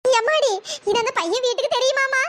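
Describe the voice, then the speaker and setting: A voice actor playing a caring, worried old grandmother in a cartoon story, with a pitch-raised processed voice. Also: fairly quick, fairly bright tone. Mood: fretful. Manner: soothing, worried, coaxing.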